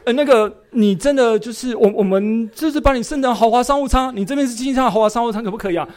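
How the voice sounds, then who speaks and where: A polite, wheedling airline counter lady, as a male preacher puts her on, talking in a raised, higher voice and nudging the customer along with friendly persuasion. her voice sits well above the man's own. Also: quick pace, a little mellow. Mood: coaxing. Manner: persuasive, coaxing. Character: polite coaxing female airline counter clerk.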